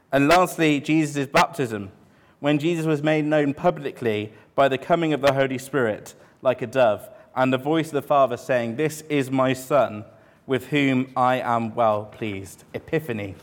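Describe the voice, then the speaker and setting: A man preaching a sermon in a conversational way, asking the listeners questions and slowing down to stress his points. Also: on the high side. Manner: conversational, with rhetorical questions and slowed emphasis.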